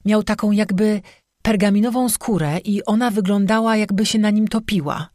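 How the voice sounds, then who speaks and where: A man voicing a frightened, quick-tempered young woman in an audiobook, speaking breathlessly and indignantly. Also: mid-range voice, fairly even intonation, darkish tone, dry recording, clean studio sound, voice pushed up, close to an everyday voice. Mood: uneasy. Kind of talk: audiobook character voice.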